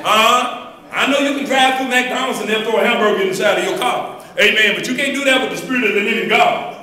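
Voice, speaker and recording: An older pastor walks the floor of a church hall, preaching to his congregation on a handheld mic in a high-pitched, brisk, bright, forceful voice. He calls out "huh?" and draws responses in a loose, colloquial call-and-response style, filmed by a distant camera in an echoey hall.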